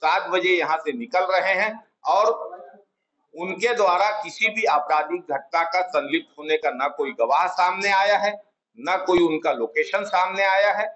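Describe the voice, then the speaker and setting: Middle-aged man, high voice, formal press-statement delivery, measured and insistent, lapel mic indoors. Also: fairly bright tone, muffled recording. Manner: measured, emphatic, repeats key words for stress. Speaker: Congress party spokesman at a press conference. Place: small office room, indoors. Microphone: clip-on lapel mic, table of press mics.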